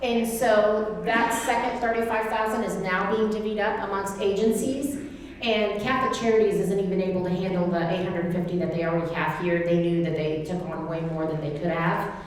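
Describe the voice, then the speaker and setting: This Oklahoma-accented woman from Tulsa, originally a Turkish speaker, talks fairly quickly in a steady, mid-range voice. Invited as a guest speaker to a church class, she's chatty and gives lengthy answers in an informal setting. A little hiss or hum sits under the long reverb of an echoey hall.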